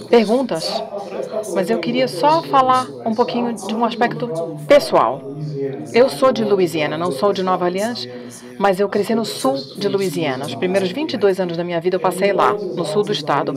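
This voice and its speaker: A woman giving an academic talk at a panel, speaking in a measured way and pausing often with fillers. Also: mid-range voice.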